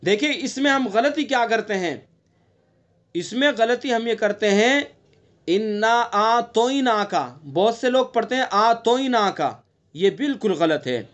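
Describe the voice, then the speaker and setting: High-voiced male Quran recitation teacher. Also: lively intonation, fairly bright tone. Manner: patient, drills words by repeating them slowly; chants verses in a slow drawn-out style. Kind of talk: tajweed lesson with recitation.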